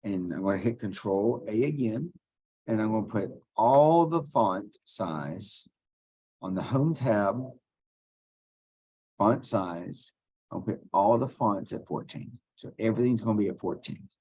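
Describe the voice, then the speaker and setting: A male teacher with a lowish, husky, dark voice walks students through a computer task one step at a time. He's expressive and measured, thinking aloud casually as he clicks through this screen-recorded software tutorial.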